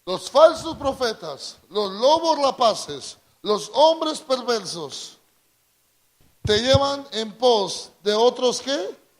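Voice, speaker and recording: A man's voice: extremely high pitch, big pitch swings. A man with a Latin American Spanish accent preaching a call-and-response sermon, drawing out key words and prompting the congregation to repeat after him. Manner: drawn-out emphatic delivery, prompts congregation to repeat.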